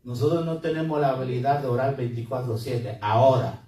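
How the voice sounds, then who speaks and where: A man's voice: medium pitch, fairly even intonation, fairly quick, warm tone. A man who is a pastor, preaching a sermon to his congregation and mixing in English words, recorded from a distance in a church hall. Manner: preaching with Spanish-English code-switching. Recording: echoey room, mic from a distance.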